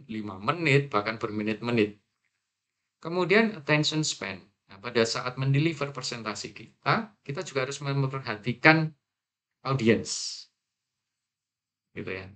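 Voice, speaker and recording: A man's voice: mid-range voice, a bit bright. A man teaches presentation skills in a casual lecture. He talks to his students conversationally, tosses out rhetorical questions and answers them himself. He keeps dropping English terms into his explanations. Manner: conversational, frequent filler tags and rhetorical questions.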